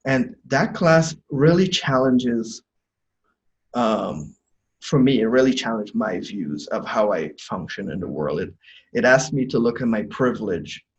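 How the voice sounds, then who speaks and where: A young man from Guyana, a seminary student, talking earnestly and reflectively in a testimonial interview, pausing with many ums, recorded on a laptop camera in a small room. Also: medium pitch, expressive, highs cut off, slight background noise.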